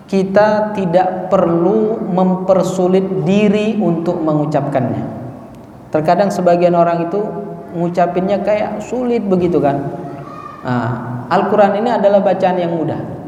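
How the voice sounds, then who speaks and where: High-voiced man teaching Quran reading. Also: unhurried, pauses often, dark tone, a little hiss or hum. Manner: drills pronunciation by repeating single sounds; asks the audience to repeat after him. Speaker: Islamic religious teacher. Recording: echoey hall with long reverb.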